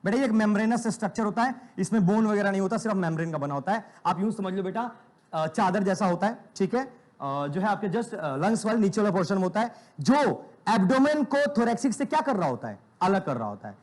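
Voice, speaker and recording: Lively high-voiced man teaching. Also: brisk. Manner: repeats questions, calls students "beta". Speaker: biology teacher. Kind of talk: classroom lecture with call-and-response questions.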